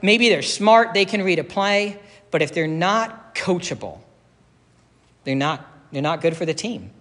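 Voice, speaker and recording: A man's voice: sits high, fairly bright tone, long reverb tail. A man preaching a sermon as pastor, conversational and folksy, with casual asides and self-corrections.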